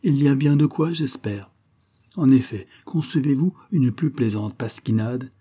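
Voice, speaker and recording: A man's voice: mid-range voice, steady tone, a little slow, mellow, slightly rough, pitched above the performer's own voice. A man voicing an emphatic grown brother. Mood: scornful. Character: grown brother, remorseful then scornful. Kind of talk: audiobook character reading.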